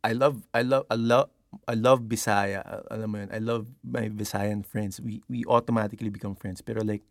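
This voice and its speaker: A man's voice: on the low side, steady tone, brisk, vocal fry, no room sound, studio quality. A Filipino-accented man musing in a casual, profane, rambling podcast monologue. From Philippines. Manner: rambling, profane, switches between English and Tagalog. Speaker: podcast host.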